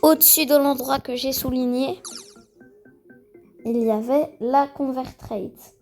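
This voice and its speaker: A woman's voice: high-pitched, takes it slowly, darkish tone, faint music behind, low-quality recording. A woman giving casual, rambling gameplay commentary full of fillers, now and then slipping into English words. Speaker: gaming video creator.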